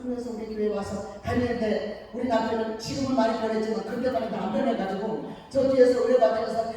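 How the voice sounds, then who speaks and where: A woman pastor preaching a sermon at a church revival meeting, telling a personal story lively and acting out each person's words. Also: on the high side, fast talker. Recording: echoey church hall, mic far off.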